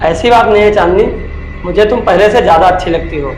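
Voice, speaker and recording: एक अभिनेता द्वारा निभाया गया काम में डूबा पति. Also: male voice, high voice, reverberant, soft background music, close to an everyday voice, poor audio. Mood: dismissive. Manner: dismissive, hurried. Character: busy husband, dismissive, work-focused.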